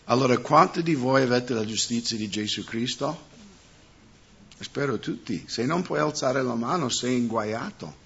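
A man's voice: mid-range voice, a little slow, fairly bright tone, slightly rough. A man preaching as a pastor, speaking to his congregation and often asking them questions. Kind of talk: sermon. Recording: dull muffled sound.

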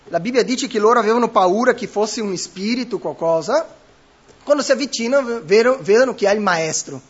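Male preacher, high husky voice, emphatic and questioning, lo-fi sound. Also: expressive, brisk. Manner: emphatic, with frequent self-corrections and rhetorical questions. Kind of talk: sermon.

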